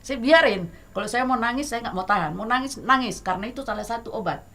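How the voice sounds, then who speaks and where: A middle-aged woman with an Indonesian accent, talking as a guest songwriter in a casual talk show chat, hesitant with many fillers but lively and emphatic. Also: on the high side, fast talker. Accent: Indonesian, Batak.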